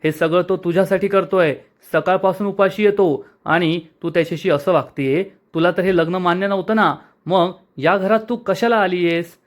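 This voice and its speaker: A man's voice: high-pitched, fairly even intonation, moderate pace, hardly any pauses, close to an everyday voice. A man reading a harsh, scornful aunt. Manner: harsh scolding.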